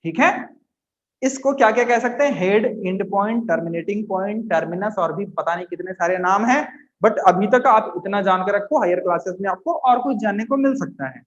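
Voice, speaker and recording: A man teaching physics to students, coaxing them along and slowly repeating key terms. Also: sits high, slight background noise. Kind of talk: classroom lecture to students. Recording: echoey room, dull lo-fi sound.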